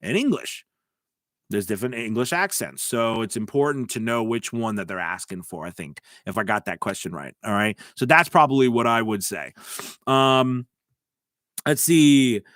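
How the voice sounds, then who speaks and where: Hosting a live stream about the voice-over business, an American man coaches viewers and reads their chat messages aloud, rambling loosely with plenty of restarts and fillers. His voice is middle-pitched, animated and fairly bright, at normal speed. The recording is dry and close, with no room sound.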